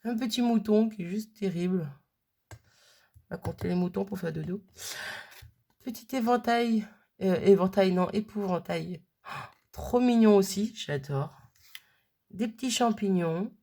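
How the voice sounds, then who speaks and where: Husky woman with a bit of fry, unboxing craft stuff and gushing over everything. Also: mid-range voice, a little slow, long pauses, warm tone. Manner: gushing, chatty, keeps repeating her delight. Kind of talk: casual unboxing chat.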